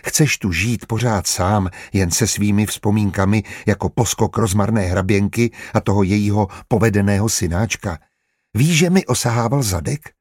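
A man reading a calm, motherly woman. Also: fairly low pitch, breathy edge, no echo, studio quality. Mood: pleading, pointed. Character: caring grown woman, sister and motherly.

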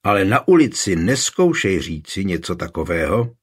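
A man reading the part of a blunt one-eyed veteran commander in a deep, grave voice. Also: big pitch swings, breathy edge, heavily acted. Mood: amused.

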